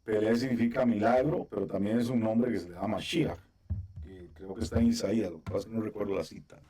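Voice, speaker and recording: A man's voice: fairly low pitch, fairly even intonation, fast talker, dark tone, husky. A man teaching a Biblical Hebrew class over a video call, explaining patiently step by step and often checking with his students. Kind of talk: online class instruction.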